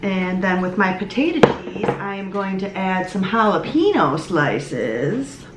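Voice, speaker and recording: A woman's voice: mid-range voice, expressive, a little slow. Woman vlogger, casual and chatty, roomy echo, a bit of hiss. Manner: chatty, laughs often. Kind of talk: casual food vlog narration.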